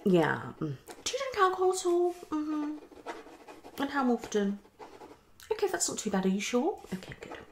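Her high voice swings hugely in pitch at normal speed as this woman, around her thirties, performs an ASMR psychologist roleplay. It's fast and unpredictable, full of muttering, repetition, and shifts between whispers and speech, recorded indoors in a small living room with slight background noise.

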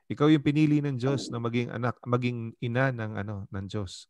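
Filipino pastor teaching a casual Bible study. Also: male voice, mid-range voice, fairly even intonation, normal speed, a little mellow, no echo. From Philippines. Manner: conversational, mixing in English, keeps asking "di ba?".

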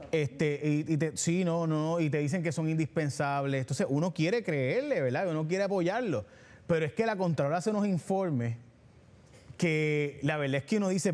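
A man's voice: high-pitched, a little mellow. A man with a Puerto Rican accent hosting a TV talk show, teasing his guest in a joking, sarcastic, colloquial way. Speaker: TV show host.

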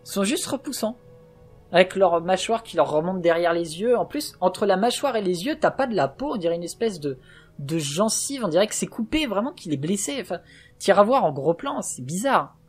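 A man's voice: high voice, animated, fairly quick, breathy edge, soft background music. A man hosting a let's play, talking in casual gaming chat, passionate and opinionated, going off on a rant.

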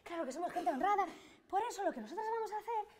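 A brash, know-it-all cleaning woman, played by an actress, in a stage comedy. Her voice is very high. She coaxes and bosses her friend along. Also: lively intonation, rapid-fire, crowd noise. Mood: coaxing. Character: bossy, scheming cleaning woman planning a heist.

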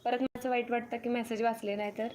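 High-voiced woman greeting live viewers. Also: little pitch movement, quick pace, darkish tone, a little hiss or hum. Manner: greets viewers one by one, reads comments aloud, repeats thanks. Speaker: live-stream host reading viewer comments. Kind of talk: casual live-stream chat. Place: farm home with cattle shed nearby.

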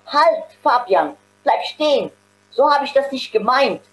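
A woman's voice: lowish voice, big pitch swings, unhurried, a little hiss or hum, poor audio. A woman reading aloud voices an indignant working man in a story, her tone insistent and a bit raised. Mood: pleading.

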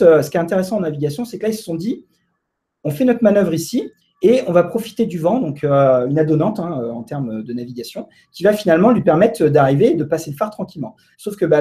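Mellow-voiced man presenting, hesitant. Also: on the high side. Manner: hesitant, many fillers and restarts. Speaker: presenter at a data meetup. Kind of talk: live casual presentation. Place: co-working space in front of an audience.

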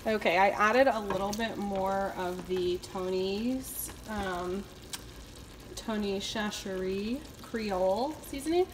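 A young woman talks her way through making dinner at home, chatty and relaxed, filling pauses with little fillers as she thinks aloud. Her voice sits in a middle register, picked up by a camera aimed at the stove. Loud kitchen noise runs behind her the whole time. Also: mid-range voice. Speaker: cooking vlogger. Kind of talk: casual cook-along narration.

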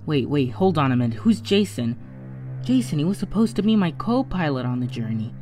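A woman's voice: low voice, very animated, dark tone, faint music behind. A woman voicing a cocky young male spaceship captain in an amateur film, trading sarcastic jokes. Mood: mocking. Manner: sarcastic, joking, quick comebacks.

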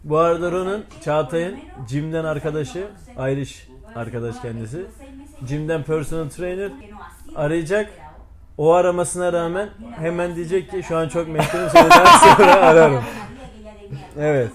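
Fairly high-voiced man chatting casually. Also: moderate pace, a crowd in the background. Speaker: challenge participant. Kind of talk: casual chat, giving instructions.

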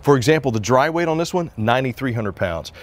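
A man's voice: medium pitch, expressive, quick pace. Upbeat man giving an outdoor walkaround. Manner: upbeat, conversational salesman patter. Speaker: RV sales presenter. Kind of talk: walkaround product review. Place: outdoors on an RV sales lot.

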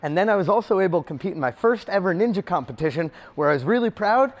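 A man's voice: high voice, lively intonation, quick pace. A young man giving an earnest, determined audition monologue as an obstacle course competitor and coach.

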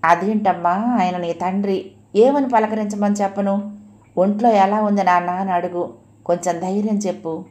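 Woman reading as a gentle aging mother, hushed and pleading, long-suffering, middle pitch, storybook. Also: fairly even intonation, moderate pace, close to an everyday voice. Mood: tearful. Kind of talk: audio novel reading.

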